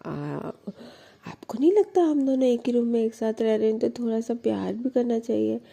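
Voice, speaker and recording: A woman's voice: fairly high pitch, normal speed, vocal fry, warm tone. Pouty young woman in love, a narrator voicing her. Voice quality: pouty, wheedling, childlike when coaxing.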